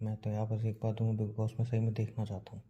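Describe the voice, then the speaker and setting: Young man, playful teasing, flat dark voice, muffled phone-call sound. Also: on the low side, racing, husky. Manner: playful teasing, acts out others in quotes. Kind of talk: casual teasing phone chat.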